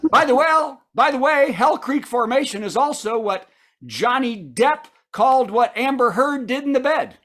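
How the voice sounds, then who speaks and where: A comedian hosts with a late-night monologue of punchy jokes. The voice sits at a middling pitch, between a typical man's and woman's range. News-style setups lead into punchlines, broken up by asides to the listeners. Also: animated, moderate pace, a bit bright. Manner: sets up news items then delivers punchlines, with asides to the audience. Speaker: comedian host of a virtual comedy show.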